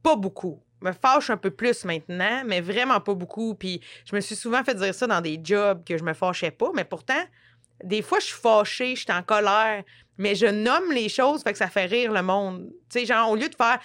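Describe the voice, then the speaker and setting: A woman's voice: mid-range voice, normal speed. A woman with a Quebec French accent, chatting casually and laughing often as she tells stories. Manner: laughing often, animated storytelling. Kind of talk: casual chat.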